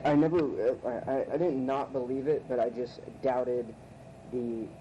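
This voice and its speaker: Around thirty, a man tells a personal story in a hesitant, reflective manner, full of fillers and restarts. His voice is medium-pitched and dark at a measured pace, heard on a muffled tape recording with noticeable hiss.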